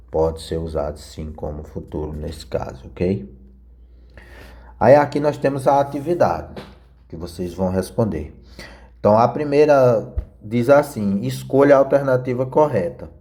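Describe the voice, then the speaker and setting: A man's voice: deep voice, dark tone. A man teaching an English grammar lesson, explaining step by step and checking in with his students. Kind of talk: recorded grammar lesson over slides.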